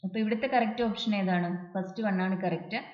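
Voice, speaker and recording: Female exam tutor, methodical explainer, mid pitch, lo-fi echoey room. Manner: explains step by step, reads English example sentences slowly. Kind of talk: exam prep lesson. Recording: dull echoey room recording.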